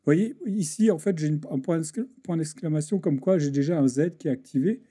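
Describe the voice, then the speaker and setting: Hesitant man with a dark voice. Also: on the high side, brisk, slightly rough. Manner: hesitant, many restarts and fillers, talks while clicking. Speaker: video editing tutor. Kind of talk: screen-recorded software tutorial.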